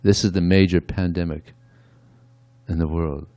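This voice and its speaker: A man's voice: low-pitched, fairly even intonation, unhurried, dark tone, dry recording. A man giving a conversational devotional sermon, often adding "yeah" between points. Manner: conversational, frequent "yeah" asides. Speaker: speaker at a temple.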